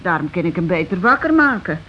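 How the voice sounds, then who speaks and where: On a muffled, noisy old radio broadcast, a woman with a lowish, very animated voice plays a shaken working-class housewife circling around grim news. Flustered and explaining in naturalistic dialogue, she halts, repeats herself and falters mid-sentence.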